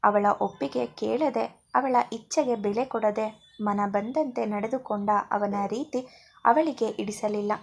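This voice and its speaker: A woman narrates a spoken story in a steady, scripted reading style. Her voice sits a little high and carries a husky, breathy edge. She drops to a softer tone whenever she voices the characters' lines. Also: a little slow. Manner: reads dialogue in softened voices for each character.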